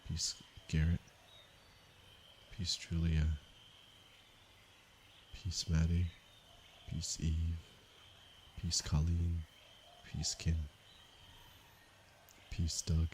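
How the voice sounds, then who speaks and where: A man from Canada, a meditation teacher, speaking softly and unhurriedly to viewers of his livestream. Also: low-pitched, monotone, slight background noise. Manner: slow, soft-spoken and unhurried, with pauses. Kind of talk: calm livestream talk to viewers.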